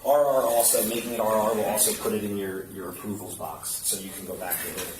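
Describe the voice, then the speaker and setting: Talking fast with a fairly low voice and fairly even intonation, a police officer casually trains a colleague hands-on, explaining each step and frequently asking "right?". His body camera captures him from a distance in a roomy space with noticeable background noise.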